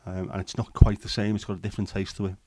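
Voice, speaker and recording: Speaking very fast in a fairly low, dark voice with a level tone, this English man chats casually on his livestream. He reads and answers live comments, rambling with many ums and false starts.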